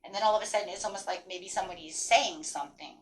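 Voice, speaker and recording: A woman's voice: mid-range voice, quick pace. Woman giving an encouraging tarot reading, noisy background. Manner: encouraging, affirming; rambling, peppered with "right?" and "you know". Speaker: tarot card reader hosting a reading. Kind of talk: spontaneous fortune-teller style tarot reading addressed to viewers.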